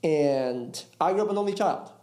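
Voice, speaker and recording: A man's voice: a little high, expressive, normal speed, mellow. A man in his thirties from Puerto Rico, co-hosting a podcast in a friendly way, asking questions and laughing along. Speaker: podcast co-host. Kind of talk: casual chat. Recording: echoey room.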